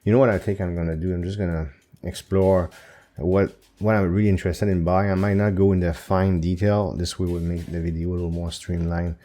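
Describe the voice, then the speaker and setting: A man's voice: sits low, flat delivery, a little fast, dark tone. A man hosting his own gaming channel, thinking aloud over gameplay with hesitant fillers and self-corrections. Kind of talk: casual gameplay commentary. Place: home recording setup.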